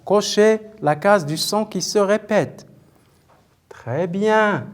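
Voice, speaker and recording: In a televised primary school lesson, a man with a high-pitched voice speaks slowly. He is patient and repetitive, spelling out words syllable by syllable while he questions and praises the pupils.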